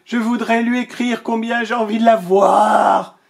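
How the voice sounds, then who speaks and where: A woman voicing a big proud male lion, frustrated and lovelorn, roaring his words loudly in a storybook reading. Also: on the high side, steady tone, a little slow, vocal fry, voice pushed up. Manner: roaring, loud and insistent.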